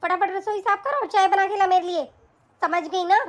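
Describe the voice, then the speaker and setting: A woman's voice: very high-pitched, normal speed, highs cut off. A woman voicing a nagging, scornful middle-aged mother-in-law in a cartoon, scolding and taunting harshly. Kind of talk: cartoon voice acting.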